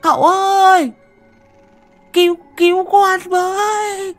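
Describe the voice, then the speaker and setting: A man voicing a cowardly old man who wails and stammers in shrill panic. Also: fairly even intonation, slow pace, fairly bright tone, faint music behind, exaggerated voice. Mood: panicked.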